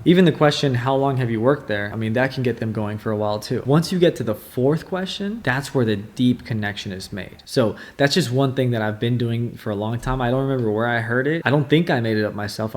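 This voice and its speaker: A man giving casual, emphatic sales coaching to the camera, with quick asides and acted-out client questions. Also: medium pitch. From United States. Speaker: sales trainer.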